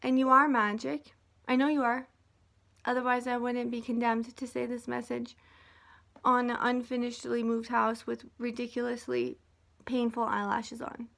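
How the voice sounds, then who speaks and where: A woman with a high voice talks straight to her viewers in a rambling, heartfelt monologue. She drifts between earnest pleading and a soft hush, speaking from a half-unpacked house. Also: little pitch movement, moderate pace, vocal fry. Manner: rambling and emotional, sometimes dropping to a soft hush.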